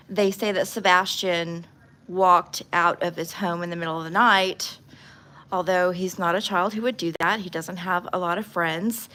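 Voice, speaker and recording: Doing nail art on a casual livestream, a woman talks in a lowish voice that sounds pushed and bright. She offers blunt, informal opinions as she chats and comments on true crime.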